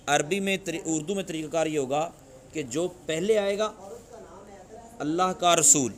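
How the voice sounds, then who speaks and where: Pakistani man drilling a grammar class. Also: on the high side. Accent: Pakistani Urdu. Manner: drills students with repeated questions. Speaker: religious teacher. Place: classroom with students.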